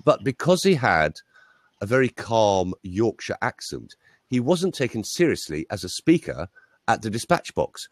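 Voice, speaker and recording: A man's voice: fairly low pitch, a little slow, no room sound, clean studio sound. A man, a voice coach, telling anecdotes in a casual interview chat over a video call. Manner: lively anecdotal storytelling.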